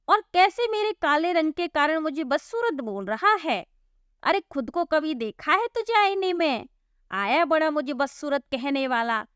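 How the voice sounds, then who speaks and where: A woman's voice: high voice, no room sound, studio quality. A woman voicing a bitter, jealous young village girl. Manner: resentful, sharp-tongued. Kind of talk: storybook cartoon voice acting.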